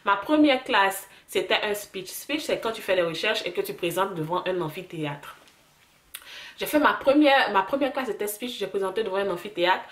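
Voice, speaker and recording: A woman's voice: medium pitch, moderate pace, reverberant. A young woman with an Ivorian French accent, chatting casually to camera and mixing in English words. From Ivory Coast. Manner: animated, restarts and mixes in English words. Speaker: vlogger.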